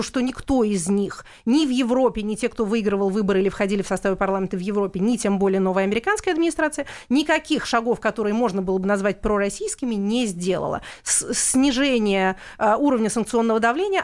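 A woman commentator on a panel discussion, speaking in a measured, hedging way with many pauses. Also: mid-range voice. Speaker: political commentator.

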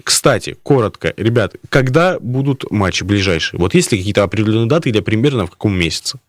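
A man's voice: fairly low pitch, animated, fast, no room sound, studio quality. A man hosting a conversational radio interview, putting long, wordy questions to his guests. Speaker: radio host. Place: radio studio.

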